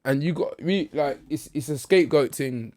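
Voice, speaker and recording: A man's voice: fairly high pitch, moderate pace, a little mellow. A man with a south London accent chatting casually in an interview, using street slang and frequent tag questions. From Lewisham, south London. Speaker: music artist guest on a prison podcast.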